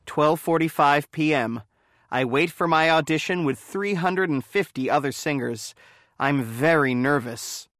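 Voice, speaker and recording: A man's voice: fairly high pitch, measured pace, a bit bright, dry recording. Man reading a story in a dry voice. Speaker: narrator. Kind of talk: first-person story reading.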